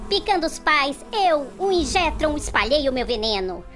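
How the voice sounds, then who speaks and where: A woman's voice: high-pitched, sing-song, moderate pace, a bit bright, soft background music. A woman voicing a tiny, boastful villain mosquito in a cartoon story. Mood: smug.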